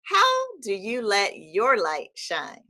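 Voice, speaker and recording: A woman in her fifties hosting a podcast interview, effusive and quick to laugh. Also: medium pitch, wildly swooping pitch. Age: 50s. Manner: warm, effusive, laughs often. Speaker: podcast host. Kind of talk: casual interview chat.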